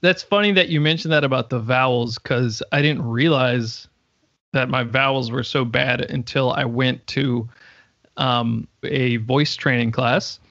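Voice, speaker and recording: A man's voice: mid-range voice, steady tone, a little slow, a bit bright, no room sound, dull audio. A man interviewing a guest, asking curious questions in an easygoing, chatty way. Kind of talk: casual chat.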